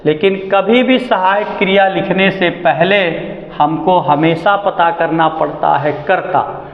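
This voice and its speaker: A man teaching an English grammar lesson, asking the class questions and answering them himself, drawing out key words slowly. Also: high-pitched. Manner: slow and deliberate, stretching out key words. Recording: echoey, dull lo-fi classroom recording.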